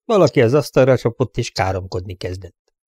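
Man, audiobook narration, even delivery, mid-pitched voice, dry close mic. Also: husky, no room sound.

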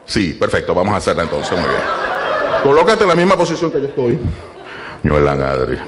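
A man's voice: medium pitch, huge pitch swings, fast talker, background noise. A man doing playful stand-up crowd work, ordering a volunteer around. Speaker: stand-up comedian. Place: comedy club stage. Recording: loud live audience in a club.

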